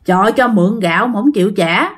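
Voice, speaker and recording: A woman's voice: mid-range voice, quick pace, close to an everyday voice. A woman voicing an insistent young man who keeps pressing for what he is owed. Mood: annoyed. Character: young man, friendly but stubborn.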